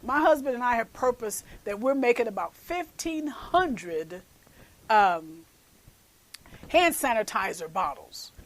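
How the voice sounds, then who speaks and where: Woman preaching in a fairly high voice. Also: animated, slow pace, low-quality recording. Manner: earnest exhortation with repeated phrases; calls listeners "baby". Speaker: show host and minister. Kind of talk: preaching message.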